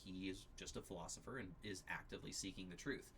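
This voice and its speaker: A man teaching an apologetics class at his church, explaining ideas in a measured, step-by-step way. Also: low voice, fairly bright tone, a little hiss or hum. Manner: explanatory, measured, occasional restarts.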